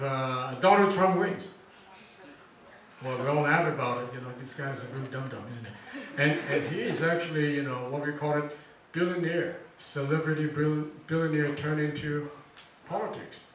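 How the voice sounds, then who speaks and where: Recorded from a distance in a very echoey room with a little hiss or hum, a man hosting a talk event introduces a speaker. He chats casually with plenty of fillers and quizzes the audience, in a slightly high voice at normal speed.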